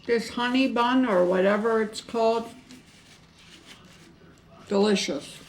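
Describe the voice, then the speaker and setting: A middle-aged woman chatting casually to viewers on an eating show, chewing while talking, in a halting way with pauses. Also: fairly high pitch, slight background noise. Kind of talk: casual mukbang chat to viewers.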